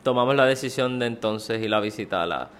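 A man's voice: medium pitch, brisk, fairly bright tone, clean tone. A man from Puerto Rico with a Puerto Rican accent, co-hosting a podcast in hesitant casual conversation full of fillers. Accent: Puerto Rican Spanish. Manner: hesitant, many fillers like "pues" and "no?". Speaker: podcast co-host.

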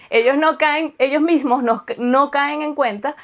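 A woman's voice: high-pitched, slow pace. A Venezuelan woman in casual chat, telling a story and acting out the dialogue. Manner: chatty storyteller, acts out dialogue.

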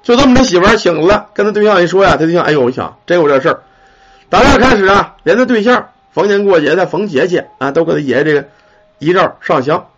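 A male storyteller tells a ghost story in a husky voice that swings widely. He talks in an earthy way and swears freely. The recording sounds dull and lo-fi. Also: high-pitched, lively intonation, quick pace, a bit bright. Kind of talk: colloquial ghost story narration.

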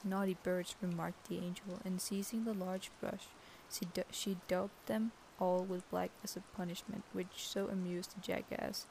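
A woman reads a fairy tale aloud in an easygoing, unpolished way, now and then tripping over a phrase. Her voice is gravelly and stays level, with little rise or fall. A faint hiss sits under the recording. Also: fairly low pitch, little pitch movement, darkish tone, low-quality recording. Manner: reads slowly, stumbling over words, laughing at the text. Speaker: storybook reader.

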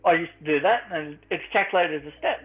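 Casting: Australian male, blokey tradie manner, higher-set voice, casual chat over muffled narrow-band audio. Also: fast.

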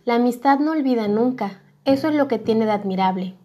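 A woman's voice: fairly high pitch, a little fast, warm tone, lightly acted. A woman voicing a self-satisfied, preachy middle-aged miller who lectures in a storybook reading. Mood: smug. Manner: smug, lecturing.

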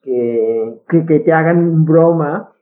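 Speaking slowly in a deep voice, a woman who grew up with Catalan as her first language talks casually as a guest linguist, with a Catalan accent. She is firm and opinionated and keeps restarting words; the recording sounds tinny, as if over a phone.

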